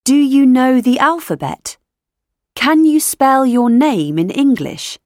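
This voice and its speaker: A woman reading scripted questions for a language lesson recording, enunciating each one clearly. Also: high voice, very animated, slow pace, darkish tone, no room sound, studio quality. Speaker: language textbook audio narrator.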